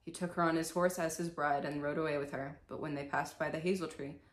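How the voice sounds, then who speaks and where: A young woman with a low voice and fairly even intonation reads a storybook dramatically at a quick pace, tossing in casual, irreverent asides as she hosts the video. She's recording in a small bedroom, and the room sounds echoey.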